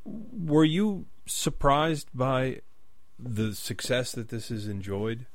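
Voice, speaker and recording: A man's voice: mid-range voice, takes it slowly, gravelly. Rambling, hesitant male interviewer. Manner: rambling, hesitant questions with many fillers. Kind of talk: interview questions.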